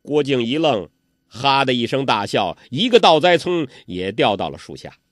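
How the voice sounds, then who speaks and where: A man's voice: medium pitch, sing-song, normal speed, fairly bright tone, no room sound, studio quality. A man narrating a martial arts tale in traditional oral storytelling style, with dramatic emphasis.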